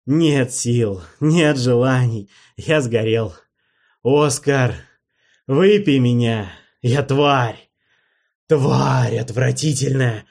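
A man acts out a broken necromancer king in a fantasy audiobook, loud and raw, begging and railing at his companion. The tone stays husky and mellow under the strain. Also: mid-range voice, animated, takes it slowly, long pauses, pitched above the performer's own voice. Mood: anguished. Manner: loud, pleading, anguished outbursts. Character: despairing male necromancer king, raw, self-loathing.

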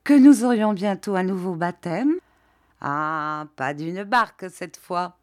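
A woman's voice: fairly low pitch, expressive, slow pace, darkish tone, no room sound, clean studio sound. A woman voicing a stout, jovial older country priest who jokes and speaks in a fatherly way. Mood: joking. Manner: bantering, fatherly.

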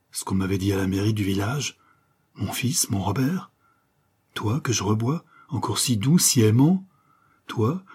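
A man voicing an aging former convict turned miller, speaking to his lost son in a low, muffled, breathless voice full of grief. The tone is dark and husky, and it rises into anguished pleas. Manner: hoarse, breathless, emotional pleading. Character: old male ex-convict miller, grieving father.

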